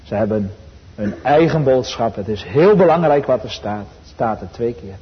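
Dutch preacher guy, slow earnest sermon, echoey church, kinda muffled. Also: medium pitch, lively intonation. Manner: earnest, rising in fervor, slow emphatic quotes. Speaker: pastor. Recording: dull sound with long church reverb.

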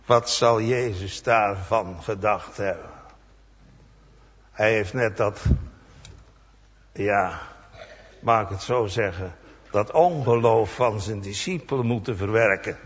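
A man preaching a sermon in a church, slow and emphatic, acting out the cries of the people in his story. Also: fairly low pitch, husky. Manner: slow, emphatic preaching with dramatic voiced quotes. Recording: dull sound with long church reverb.

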